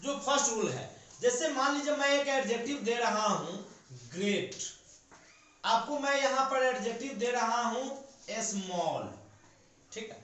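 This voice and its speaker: A man's voice: very high-pitched, lively intonation, unhurried, a bit bright. A man teaching a grammar lesson to a class, explaining step by step and answering his own questions. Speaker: English teacher. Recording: very echoey room.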